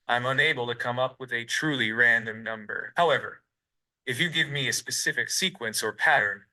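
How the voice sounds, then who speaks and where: Synthetic male robot voice, very bright and tense, stiff and formal delivery in an interview. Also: medium pitch, low-quality recording. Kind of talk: stiff scripted answers.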